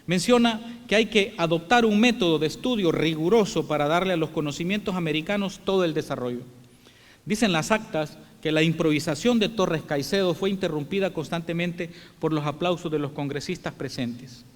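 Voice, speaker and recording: A man from El Salvador giving a formal welcome address as president of an international congress, telling the story in a measured, reflective way. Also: a little high. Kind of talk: formal speech. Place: large theatre hall. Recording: long hall reverb.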